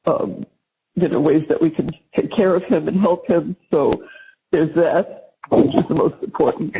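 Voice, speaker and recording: Husky mother on a muffled jail payphone call. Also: low voice, fairly even intonation. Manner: halting, careful speech. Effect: jail payphone call line. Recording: dull recorded phone call.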